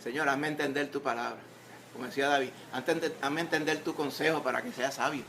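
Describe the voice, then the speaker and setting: A man's voice: medium pitch, fairly even intonation, fairly quick, vocal fry, fairly bright tone, a little hiss or hum. A man with a Puerto Rican accent preaching a sermon in church, conversational, with humor and rhetorical questions. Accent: Puerto Rican Spanish. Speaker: pastor. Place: church sanctuary.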